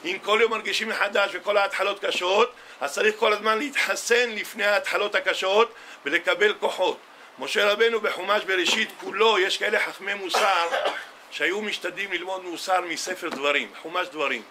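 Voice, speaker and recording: A man's voice: high voice, noisy background. A man, a rabbi, giving a sermon and telling stories with acted-out dialogue. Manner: storytelling, acts out dialogue in a quoted exchange. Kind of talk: Tisha B'Av sermon.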